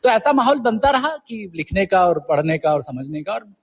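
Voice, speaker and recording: A middle-aged man from India with a high-pitched, breathy-edged voice swings widely in pitch while keeping a moderate pace. He tells stories and reminisces as an interview guest, blending English words into Hindi.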